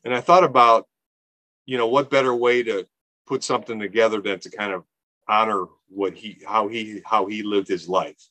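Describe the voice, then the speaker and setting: A lowish, steady, sharp-toned voice belongs to a nonprofit founder in his fifties, speaking at a moderate pace as a podcast guest. In this casual interview he's earnest and rambling, with many fillers and restarts. The audio is poor, with no room sound.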